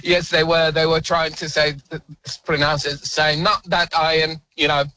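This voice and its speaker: A man's voice: a little high, flat delivery, moderate pace, pushed and bright. A man from Iraq, a native Assyrian speaker, calling a radio show and patiently explaining. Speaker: caller. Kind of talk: phone-in chat.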